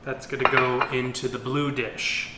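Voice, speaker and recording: A man's voice: mid-range voice, flat delivery, a little slow. A man co-hosting a food challenge, chatting casually in a playful, jokey way. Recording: echoey room, faint background noise.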